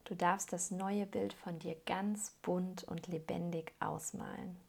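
Calm and gently instructive, a hypnosis guide leads a soothing meditation at a measured pace. She has a fairly low, soft, breathy voice that often slips toward a whisper.

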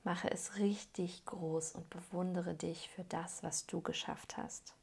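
A woman with a lowish, husky voice leads a guided meditation. She speaks very slowly and calmly, leaving pauses between gentle instructions. Her soft phrases often sink into breathy near-whispers with a creaky edge. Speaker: hypnosis guide. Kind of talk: soothing guided meditation for weight loss.

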